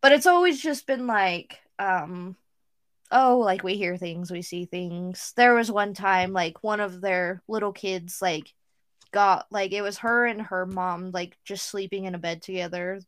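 A woman's voice: medium pitch, a little slow, smooth. A young woman co-hosting a podcast, chatting casually, saying "like" constantly and swearing now and then. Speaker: podcast co-host. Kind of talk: casual chat.

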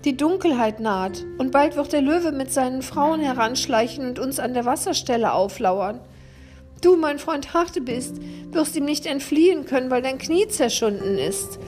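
A woman's voice: high voice, animated, normal speed, a little mellow, soft background music, pitched above the performer's own voice. A woman voicing a remorseful, half-blind gnu in a storybook reading, with a wailing, plaintive manner. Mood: lamenting.

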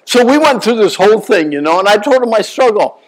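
A man in his sixties preaching a sermon, telling stories with animated swings between loud bursts and quiet asides. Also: high-pitched, brisk, rough recording. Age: 60s. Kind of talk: sermon storytelling.

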